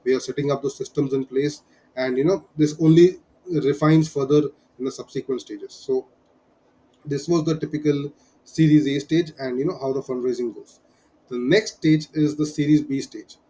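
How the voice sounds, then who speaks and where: A man's voice: a little high, steady tone, normal speed, warm tone, low-quality recording. A man with an Indian accent giving an explanatory lesson as a business advisor, emphatic and prone to repeating his key points. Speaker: business advisor teaching startup fundraising.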